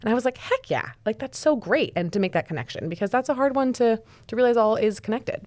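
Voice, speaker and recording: A woman's voice: a little high, fast talker, no echo. A woman co-hosting a casual podcast, talking with enthusiasm and acting out what people said. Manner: enthusiastic, animated, quotes people. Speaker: podcast co-host.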